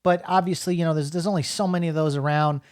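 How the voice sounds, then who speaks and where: A man's voice: fairly high pitch, steady tone, fast, smooth, dry recording, clean studio sound. A middle-aged man from New Jersey giving a casual, rambling spoken film review, full of fillers and restarts.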